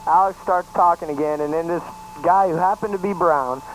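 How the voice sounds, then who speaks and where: A man's voice: on the high side, a little fast, slight background noise, poor audio. A young man casually telling a story on a talk show, laid-back and saying man a lot. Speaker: guest co-host. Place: studio, public access show.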